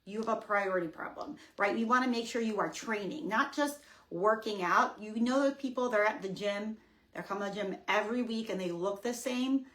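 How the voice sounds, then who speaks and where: A woman fitness coach co-hosting a casual coaching webinar, emphatic and energetic, often checking in with listeners. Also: mid-range voice, brisk.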